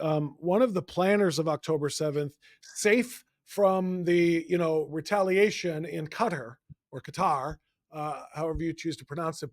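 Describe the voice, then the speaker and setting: A man's voice: high voice, a little mellow, no room sound, studio quality. A man hosting an interview, asking long, winding questions. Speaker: host.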